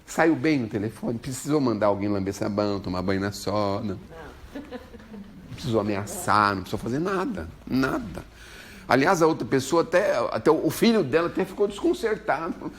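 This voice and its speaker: A Brazilian man delivers an informal spiritual lecture, joking with and questioning his audience. His pitch sits in a middle range but leaps and falls expressively. Faint background noise sits under his voice. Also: normal speed. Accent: Brazilian Portuguese. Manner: jokey, animated, chats with listeners.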